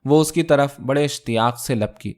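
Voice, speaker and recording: A man's voice: medium pitch, a little mellow. Man reading a story aloud. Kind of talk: scripted story narration.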